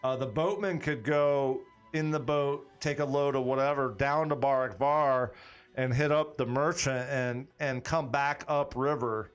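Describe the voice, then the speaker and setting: Soft music plays behind a man with a medium-pitched, clean voice who speaks at a measured pace with fairly even intonation. He's the game master on a tabletop role-playing stream, chatting with viewers and thinking aloud in a rambling way, often restarting his sentences.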